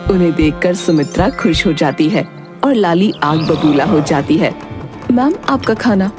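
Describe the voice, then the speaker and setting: A woman giving scripted narration for a cartoon story in a plain, steady manner. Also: sits low, normal speed. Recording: voice over background music.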